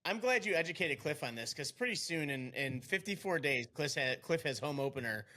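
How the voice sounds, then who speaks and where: Bright-voiced joking New man. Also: a little high, animated, a little fast. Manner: joking, rambling. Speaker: podcast host. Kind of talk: casual chat.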